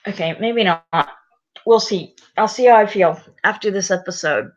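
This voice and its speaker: On a dull, lo-fi recording, a woman with a mid-range voice talks at normal speed. She hosts a story-reading channel and sounds very tired, making rambling, exasperated asides in casual commentary.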